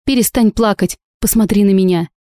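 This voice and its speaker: Woman reader doing an indignant young woman defending her friend, warm, dry. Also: mid-range voice, a little fast, no echo, voice pushed up, natural voice. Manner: indignant, sharp.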